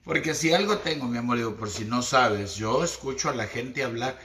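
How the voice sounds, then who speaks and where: A man's voice: medium pitch, expressive, normal speed, sharp tone, roomy sound. A man with a Mexican accent talking in a slangy, chatty, theatrical way, hosting a casual esoteric livestream.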